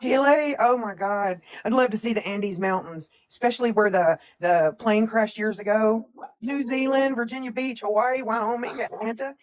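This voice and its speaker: A woman's voice: fairly high pitch, normal speed. A woman, chatting casually as a livestream co-host and reading out where viewers are from. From Tennessee, USA. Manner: chatty, reads out viewer comments.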